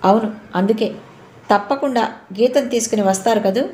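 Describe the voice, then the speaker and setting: A woman's voice: fairly high pitch, a little fast, a little mellow, a little hiss or hum, natural voice. A woman voicing a cheerful, playful young man who mixes English phrases into his talk, in a roomy recording. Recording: roomy echo.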